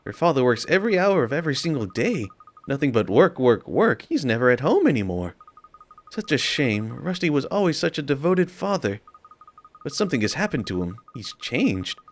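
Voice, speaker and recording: A man voicing a fretful, gossipy elderly woman neighbour, talking softly in a doting, fussing way as he reads game dialogue aloud. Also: medium pitch, very animated, moderate pace.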